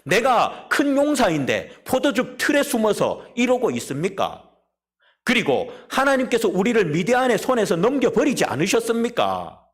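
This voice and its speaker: A man's voice: sits high, wildly swooping pitch, moderate pace. A pastor voicing a doubting timid young man. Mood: protesting. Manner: incredulous, self-pitying, protesting.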